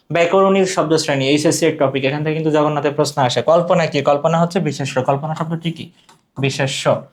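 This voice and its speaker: A man teaching an exam-prep lesson, asking questions and repeating the answers. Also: fairly high pitch.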